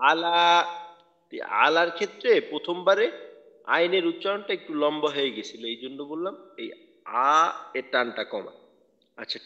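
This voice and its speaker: A man teaching Quran recitation online, patiently correcting students and modelling slow chanted verses. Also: fairly high pitch, a bit bright. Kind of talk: online tajweed lesson. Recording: dull lo-fi audio with long reverb.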